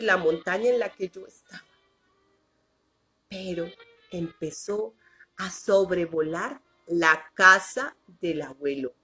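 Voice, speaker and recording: A woman telling a children's story in an expressive, animated way, stretching out repeated words. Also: mid-range voice, breathy edge. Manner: expressive, animated, drawn-out repetitions.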